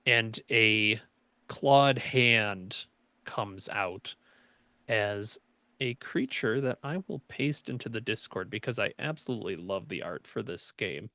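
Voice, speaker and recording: Slow-paced man as game master narrating. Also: fairly low pitch, sharp tone, no echo. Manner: descriptive, piecing scenes together in short phrases.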